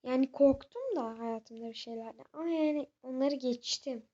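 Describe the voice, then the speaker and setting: A young woman talks her viewers through a horror game, chatty and easily startled. Her voice is a bit high but soft and mellow in tone. The recording sounds muffled and lo-fi. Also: moderate pace. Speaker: gaming channel host. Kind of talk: let's-play commentary.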